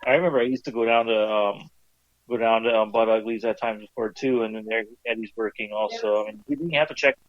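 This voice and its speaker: A man's voice: fairly low pitch, fairly even intonation, no room sound. Man sounding muffled as if through a wall. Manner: halting, reminiscing with fillers. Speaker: podcast guest on a call. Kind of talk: casual chat. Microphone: remote call, before switching to a headset. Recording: muffled call audio.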